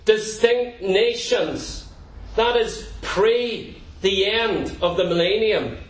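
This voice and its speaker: A man's voice: sits high, takes it slowly. A man preaching a sermon to his church, fervent and emphatic, driving his points home with repetition. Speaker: pastor. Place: church sanctuary. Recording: echoey hall, distant mic.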